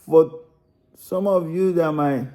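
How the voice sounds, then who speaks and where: A man's voice: fairly high pitch, slow pace, dark tone. A man with a Nigerian accent, talking through a route in loose, rambling commentary, often restarting and repeating words. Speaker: narrator analysing a song. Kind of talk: unscripted spoken commentary.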